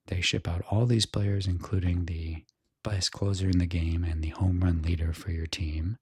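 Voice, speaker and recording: An American man speaks in a hushed ASMR style, his voice very low and full of vocal fry. He talks through sports commentary casually and musingly, with a soft, husky texture. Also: no echo, studio quality. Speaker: host giving a baseball season preview.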